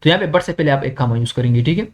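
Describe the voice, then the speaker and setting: A young man, teaching an exam-prep grammar lesson, who keeps checking in with students and reads English examples slowly. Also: mid-range voice, animated.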